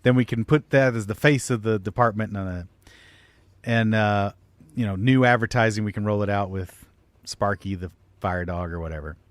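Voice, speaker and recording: A man with a fairly low voice casually tells a long, profane comic story at normal speed, acting out quoted dialogue as a comedy podcast storyteller. There's no echo.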